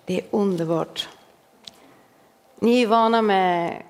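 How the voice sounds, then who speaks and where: A woman in her forties preaching a sermon to a congregation, humorous and self-mocking, laughing along with the listeners. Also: on the high side. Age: 40s. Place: church hall. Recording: long hall reverb.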